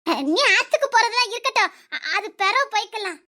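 A woman's voice: very high voice, lively intonation, fast, heavy background noise. A woman voicing a young village girl who teases and schemes with her friends. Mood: teasing. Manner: teasing, conspiratorial. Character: scheming teasing village girlfriends, young women.

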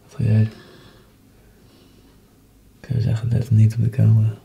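A man's voice: fairly low pitch, completely flat delivery, moderate pace, creaky, dark tone, slight background noise. A man chatting casually in slang, coaxing a friend along. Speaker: friend helping with the experiment. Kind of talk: casual chat. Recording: dull sound, music laid under. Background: background music.

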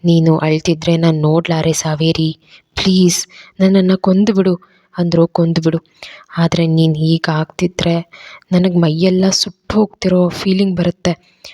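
A remorseful young lover speaks in a low, hushed, pleading voice, as a woman reader puts him on. The sound is dry and close. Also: flat delivery, normal speed, dry recording, lightly acted. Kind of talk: dramatized story reading.

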